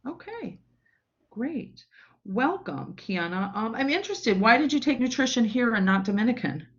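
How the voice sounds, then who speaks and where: A woman's voice: a little high, very animated, moderate pace. Woman teaching nutrition class online, chatty, lots of ums, kinda muffled audio. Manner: conversational, filler-heavy teaching. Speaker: college nutrition instructor. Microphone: video call mic. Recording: muffled lo-fi video call audio.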